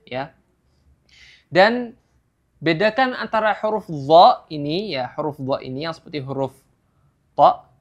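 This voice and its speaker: A patient recitation teacher walks through a tajwid lesson, modelling each sound slowly and often checking in with "ya". The voice sits at a middle pitch, and the recording is a little dull and lo-fi.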